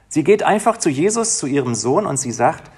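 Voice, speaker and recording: A man preaching a heartfelt sermon as a pastor, shifting between soft, quiet passages and emphatic, rising lines. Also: fairly high pitch, big pitch swings, moderate pace, slightly rough. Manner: emotional, dynamic, swings from soft to emphatic.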